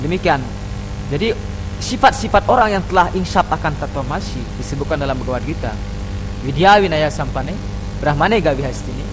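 A man in his thirties gives an earnest religious talk from a table in a small room, slowing down to chant scripture verses. His voice sits a little high for a man. A desk microphone picks him up, with a steady hum of traffic and engines behind. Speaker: panel speaker. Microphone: desk microphone on stand.

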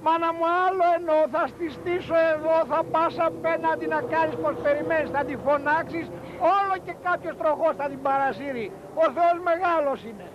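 An actor playing a smooth-talking, scheming professional false witness who haggles persuasively. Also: male voice, very high voice, few pauses, dull audio, background noise. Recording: roomy 1980s film soundtrack.

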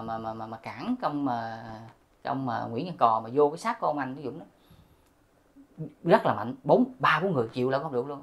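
A middle-aged man, telling a spiritual story to his viewers in a repetitive style and addressing them directly. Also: medium pitch. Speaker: host of a spiritual channel.

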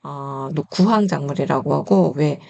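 A woman teaching a reading lesson, slowly sounding out syllables and explaining word meanings politely and patiently. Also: sits low, vocal fry, mellow, muffled recording. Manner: polite teaching tone, asks questions to the viewer. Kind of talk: slow instructional reading lesson.

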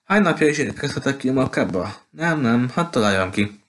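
A man's voice: medium pitch, lively intonation, a bit bright, voice pushed up, lightly acted. A man voicing a talkative, gushing petite woman who runs a bookshop, in an audiobook. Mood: chatty. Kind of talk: audiobook character voice.

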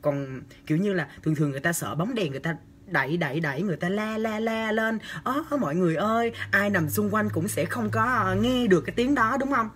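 A man's voice: sits high, fast talker, slight background noise. A young man, chatting on a livestream and answering comments in a campy, teasing way. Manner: chatty, campy and teasing, with lively exaggerated gestures. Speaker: livestream host. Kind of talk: casual livestream chat reading comments. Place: small indoor room. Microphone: phone camera at arm's length.

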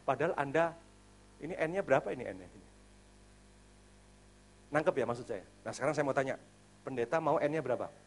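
A male pastor giving a sermon at a church service in a casual, animated way, swinging between loud emphasis and quiet asides. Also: mid-range voice, normal speed, pauses often, breathy edge.

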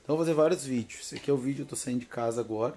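Talking rapid-fire in a warm, mid-range voice with a slight hiss or hum in the audio, a southern Brazilian man in his thirties does a casual paranormal selfie vlog. He's exhausted from not sleeping and nervous, laughing often as he chats loosely on his porch and later in a car, phone held at arm's length.

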